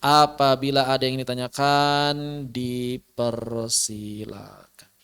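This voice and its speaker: A man's voice: mid-range voice, steady tone, slow pace, a bit bright, clear, resonant tone. A man teaching recitation in an online lesson, explaining patiently and drawing out his examples over a video call.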